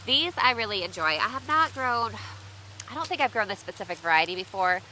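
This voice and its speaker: An American homestead vlogger chats casually with viewers while unboxing outdoors under shifting trees, easily asking again and again for their tips. Her bright, forward, mid-range voice is slightly stuffy and nasal from allergies, with big pitch swings and a fairly quick pace. The low-quality recording has a faint hiss underneath.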